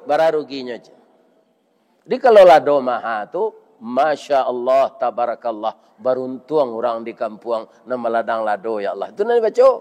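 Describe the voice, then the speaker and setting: Older folksy Minangkabau preacher. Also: male voice, on the high side, a little mellow. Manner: folksy, bantering, keeps asking "iya kan?". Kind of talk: village sermon with crowd questions.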